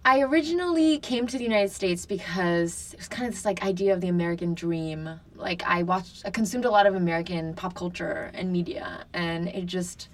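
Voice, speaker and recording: A woman in her twenties, originally from France, chatting openly as a podcast guest. Her voice sits on the low side and she leans on "like" as she thinks aloud. She sounds slightly distant from the microphone. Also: fairly quick, few pauses. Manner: chatty, frequent "like" fillers, candid. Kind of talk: casual interview talk.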